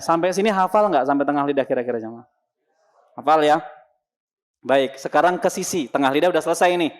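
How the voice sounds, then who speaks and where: This Quran recitation teacher has a fairly high voice and speaks fairly quickly. In a lesson to a congregation, he explains how Arabic letters are pronounced, poses questions and answers them himself, then sounds the letters out.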